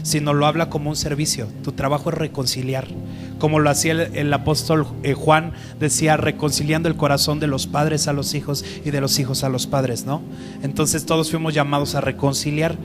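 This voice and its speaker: Man, bible class teacher, fairly high voice, music behind. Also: flat delivery, brisk. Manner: conversational, asks the group questions.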